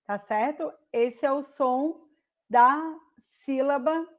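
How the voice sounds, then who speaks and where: Her voice is high and the audio dull as this woman leads an online primary school lesson. Patient and unhurried, she breaks things down step by step, repeats points, and checks in frequently with "tá certo?" to see that the kids are keeping up.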